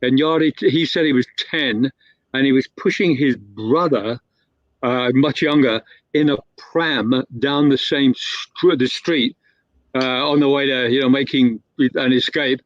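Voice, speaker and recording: A male guest storyteller, medium-pitched and unhurried, spins a long anecdote in a casual, rambling way, packed with fillers, restarts and self-corrections. The recording is dull, lo-fi and dry, with no room sound.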